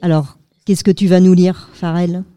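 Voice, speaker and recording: A woman's voice: on the low side, little pitch movement, normal speed, warm tone, no room sound. A woman hosting a live school web radio show, patient and hesitant, with many fillers.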